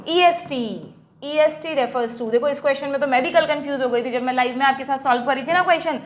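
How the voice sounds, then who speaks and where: High-voiced Indian woman teaching. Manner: explains step by step, checks in with students often; reads the English question text slowly. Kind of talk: exam solution lesson.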